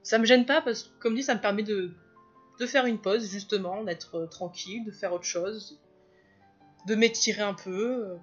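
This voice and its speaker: A woman talks loosely about her drawing process, rambling and stopping often to restart her sentences. Her voice sits in a middle pitch. The recording is a little dull, with faint music underneath. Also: moderate pace. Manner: rambling, hesitant, with many fillers and restarts. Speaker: drawing vlogger. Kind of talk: casual chat over a drawing video.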